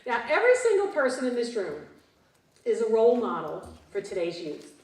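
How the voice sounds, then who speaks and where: A woman in her fifties giving a motivational keynote to a conference audience, animated and prompting the crowd with frequent questions. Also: a little high, a little fast. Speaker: keynote speaker. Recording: roomy hall, distant mic.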